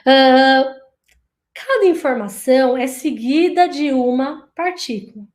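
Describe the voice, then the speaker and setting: High-voiced woman teaching Japanese. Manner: lively, repeats Japanese phrases slowly for learners to imitate. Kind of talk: online language lesson.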